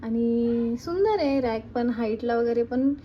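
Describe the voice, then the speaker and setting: A woman's voice: fairly high pitch, measured pace, muffled recording, slight background noise. A young woman with a Marathi accent filming a home vlog, coaxing and scolding her small children and chatting to viewers. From Maharashtra, India. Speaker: home vlogger and mother. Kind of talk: casual home vlog with kids. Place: home kitchen.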